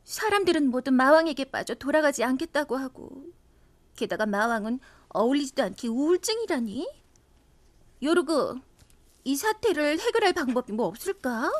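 Spirited young fantasy heroine: high-pitched, outspoken, exclamatory radio drama delivery. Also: female voice, normal speed. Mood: puzzled, eager. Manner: expressive, exclamatory. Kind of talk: animated audio drama acting.

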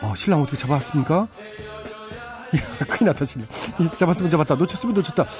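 A man's voice: a little high, lively intonation, quick pace. A male radio host reading out listener text messages with chatty, teasing comments. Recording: slightly dull radio broadcast with faint music.

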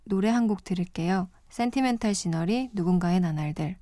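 Woman, late-night radio DJ, calm and reflective, mid pitch, dry close studio sound. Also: brisk, dry recording. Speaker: guest radio DJ.

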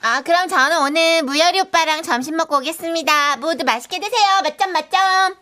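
A cheeky young office rookie, played by a woman, chatters in slang abbreviations through a radio comedy skit. Her voice sits high and bright. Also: a little fast. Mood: chirpy. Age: young adult. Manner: breezy, full of slang abbreviations.

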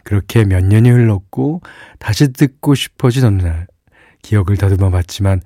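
A man's voice: lowish voice, normal speed, dry recording, studio quality. A male radio DJ chatting casually on a late-night music show, reading listener messages aloud and chuckling now and then. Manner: relaxed, chatty, reads listener messages with small laughs. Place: radio studio. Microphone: studio microphone.

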